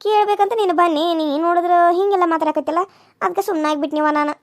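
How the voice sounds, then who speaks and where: A woman voicing a gentle young village woman in a cartoon serial, speaking in a North Karnataka accent with a soft, coaxing manner. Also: extremely high pitch, rapid-fire, no room sound, studio quality. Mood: pleading. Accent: North Karnataka Kannada.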